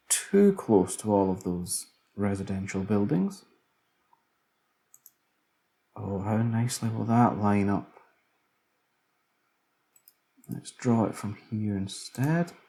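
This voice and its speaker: Slow, mellow man musing over a game. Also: lowish voice, vocal fry. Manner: relaxed, musing aloud while building. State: tired, yawning late at night. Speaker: let's play commentator. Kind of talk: casual game commentary.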